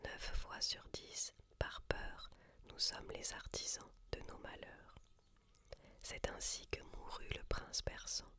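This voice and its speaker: Slow library whisper from a woman reading. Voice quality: soft unvoiced library whisper. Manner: slow, measured, deliberate phrasing. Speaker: reader. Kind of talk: whispered reading aloud from a self-help book, ASMR.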